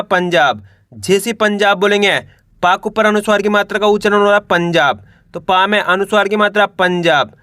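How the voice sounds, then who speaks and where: A man's voice: sits high, bright, forceful tone, no room sound, clean studio sound. A man teaching a reading lesson, sounding out words syllable by syllable and quizzing the viewer.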